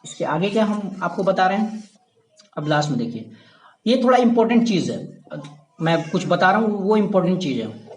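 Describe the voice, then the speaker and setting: A man's voice: high-pitched, sing-song, normal speed, darkish tone, a little hiss or hum. A man teaching a basic grammar lesson who repeats key points, checks in with listeners and calls them his dear friends. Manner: addresses viewers as "my dear friend".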